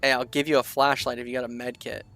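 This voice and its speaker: A haggling wasteland trader, put on by a man in a deliberately bad accent. The voice is gravelly and jokey. It pushes a lopsided deal. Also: mid-range voice, flat delivery, fairly bright tone, faint music behind, natural voice.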